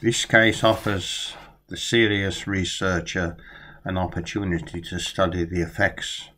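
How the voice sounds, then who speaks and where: An older man talks slowly through a book on a webcam in a small room at home, lingering over each phrase. His voice sits very low, and he reads passages aloud like a storyteller. A faint noise floor runs under the recording. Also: fairly even intonation, fairly bright tone. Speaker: vlogger reviewing a book. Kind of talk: casual talk and reading aloud. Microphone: webcam close up.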